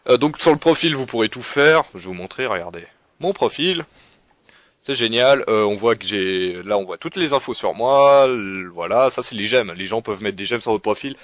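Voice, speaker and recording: A young man talks through a game forum in a loose, rambling way, stumbling over words and poking fun at himself. His voice sits fairly low. The sound is dry and close, with no room around it. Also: lively intonation, moderate pace, fairly bright tone, dry recording. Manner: rambling, self-mocking, many fillers and restarts. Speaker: forum guide presenter. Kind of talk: casual screen-recorded walkthrough.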